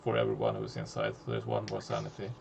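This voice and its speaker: A man narrating as game master of a tabletop horror game, halting, with many fillers and restarts. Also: lowish voice, sing-song, vocal fry, a little hiss or hum.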